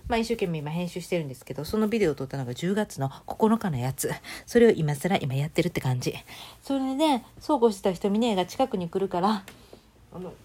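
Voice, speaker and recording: Chatty Kansai woman, lowish voice. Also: dark tone, husky. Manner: chatty storytelling, acting out quoted voices. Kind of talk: casual chat.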